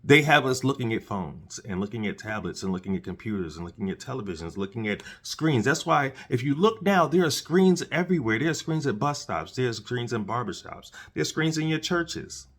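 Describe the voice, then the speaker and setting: Fairly quick and with few pauses, a man hosts a solo commentary podcast in a mid-range, fairly bright voice with lively intonation. He speaks earnestly and preachily, often repeating and restarting words. A dry mouth and a candy in it affect him.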